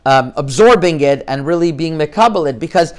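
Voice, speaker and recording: This is a middle-aged man from Canada, a rabbi, lecturing informally in a slightly high, expressive voice. His speech is halting, full of restarts, with Hebrew words woven throughout.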